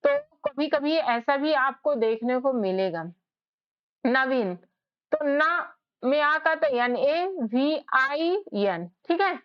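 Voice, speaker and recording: A woman teaching English spelling in a casual lesson, explaining slowly letter by letter. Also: sits high, animated. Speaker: English tutor. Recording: slightly dull lo-fi sound.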